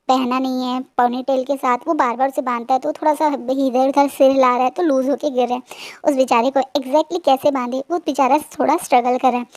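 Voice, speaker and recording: A woman's voice: high voice, a little mellow, dry recording. A woman casually retelling a fan-fiction story in a chatty, hesitant way with frequent fillers.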